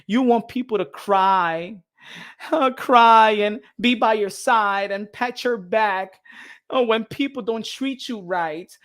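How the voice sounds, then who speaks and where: Slow-paced and high-voiced, the Dominican boxing podcaster rants with heat on his live stream. He reads the chat, imitates other people, curses, slips into Spanish and stays excitable.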